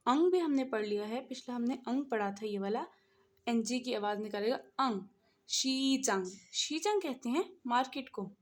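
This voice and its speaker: A woman teaching a language lesson in a patient classroom style, repeating each word slowly syllable by syllable and often reassuring with "okay". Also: high-pitched.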